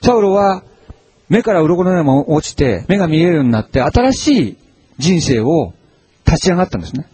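A man's voice: on the high side, a little fast, a little hiss or hum. A male pastor giving a conversational sermon, with many fillers and rising emphasis. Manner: conversational, animated preaching with frequent fillers.

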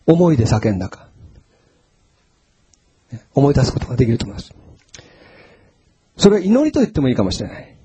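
A man preaching a sermon as a pastor, telling Bible stories in an animated way and acting out the quotes. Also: a little high, breathy edge.

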